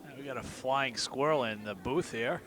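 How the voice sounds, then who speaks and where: A man doing play-by-play commentary for a high school soccer game from a booth, in a deliberately even, monotone delivery. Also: background noise. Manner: self-described monotone delivery. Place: press booth at an outdoor school field.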